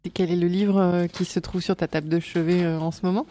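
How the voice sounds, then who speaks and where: A woman's voice: on the low side, flat delivery, fairly quick, mellow, slight background noise. A woman interviewing a guest, asking friendly, direct questions.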